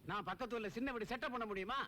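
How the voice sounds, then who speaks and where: A man's voice: very high-pitched, very fast, bright, forceful tone, a little hiss or hum. An actor playing a cheeky village friend who teases his pal and gives him crafty advice about women. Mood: teasing. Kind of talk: Tamil film comedy acting.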